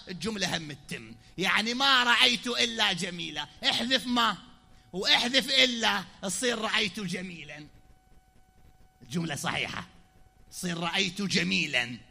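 An Iraqi man preaching a sermon from a pulpit, explaining patiently and then rising to loud declaiming. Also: high voice, lively intonation, fairly quick, vocal fry. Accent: Iraqi Arabic. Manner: explanatory, swings from quiet asides to loud declaiming. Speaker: preacher at a mourning gathering. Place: pulpit in a hall.

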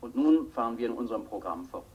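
Radio announcer reading a bulletin, comes through a radio set, far off and dull. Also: male voice, mid-range voice, expressive. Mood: formal. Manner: formal, measured announcing. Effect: announcement heard through a radio set. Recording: muffled, distant radio with faint hiss.

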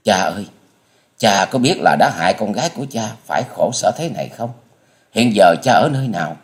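A man voicing a young female martial artist, tearful and shrill as she cries out in grief and anger. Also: animated, moderate pace, lightly acted. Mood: grieving.

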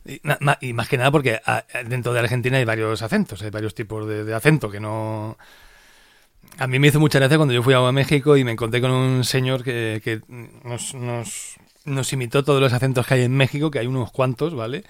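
A man from Spain hosting a podcast, chatting casually and retelling a film in an animated way. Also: medium pitch, brisk, no echo. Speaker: podcast host.

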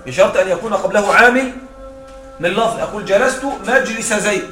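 A man's voice: sits high, fast talker, sharp tone, soft background music. A man teaching Arabic grammar to a class, explaining rules through examples and checking whether students follow. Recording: echoey room with faint noise.

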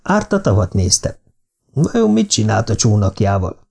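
Guy narrating a thriller audiobook, steady and even, warm low tone. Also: creaky, breathy edge. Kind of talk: audiobook reading of a thriller novel.

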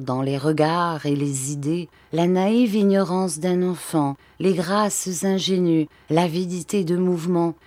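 A woman narrates a classic novel in an unhurried, measured reading. Her voice sits on the low side. Each sentence comes out steady and even. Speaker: audiobook reader. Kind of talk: scripted literary narration.

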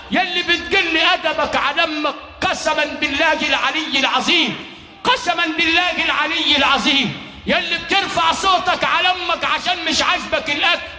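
A man preaching a sermon with an Egyptian accent, shouting with passion and chanting verses in a long sung voice. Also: extremely high pitch. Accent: Egyptian Arabic. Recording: echoey hall, faint music behind.

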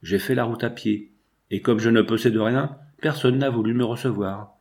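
A frightened young girl pleads for mercy and food, her voice trembling and imploring, as a male storyteller gives her lines in his own middle-pitched voice. The reading stays close to the narrator's everyday tone, with only a slight lift of urgency. It is a storybook telling rather than a full performance. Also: steady tone, normal speed, darkish tone, natural voice. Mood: pleading.

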